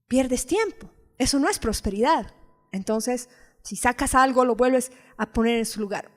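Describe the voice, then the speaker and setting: A woman's voice: on the high side, lively intonation, normal speed. Woman preaching in a reverberant hall. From Bolivia. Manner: personal, asks the audience rhetorical questions. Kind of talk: conversational sermon.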